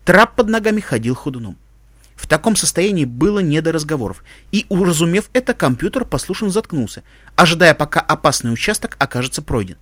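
A man narrating a fan fiction story with expressive, dramatic storytelling. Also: fairly high pitch, a little fast, dry recording, clean studio sound. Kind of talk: audiobook fan fiction reading.

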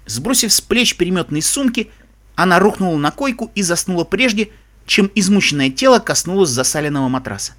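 A man's voice: high voice, lively intonation, a little fast, fairly bright tone. A man narrating a story aloud, telling it expressively. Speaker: audiobook narrator. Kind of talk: scripted narration.

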